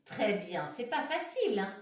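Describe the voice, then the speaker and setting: A woman's voice: medium pitch, very animated, normal speed, reverberant. A woman teacher leading a phonics lesson for young children, spelling out letters one by one and praising the pupils. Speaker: primary school teacher.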